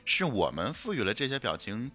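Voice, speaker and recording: Bright, playful male podcast co-host. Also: medium pitch, very animated, a little fast, faint music behind. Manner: playful, giggly, muses aloud. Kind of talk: casual group chat.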